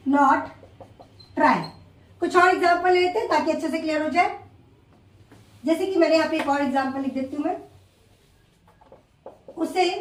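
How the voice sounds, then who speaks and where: High-voiced woman teaching grammar. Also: darkish tone. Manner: explains slowly, repeating each example word by word. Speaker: English teacher. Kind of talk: classroom grammar lesson. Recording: echoey room, far from the mic.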